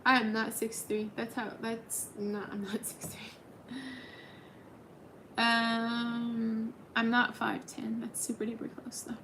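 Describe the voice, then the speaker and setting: A woman in her twenties hosts a casual livestream, chatting and responding to viewer comments with plenty of ums. Her voice is on the high side, bright and forceful yet monotone, and she speaks slowly over slight background noise.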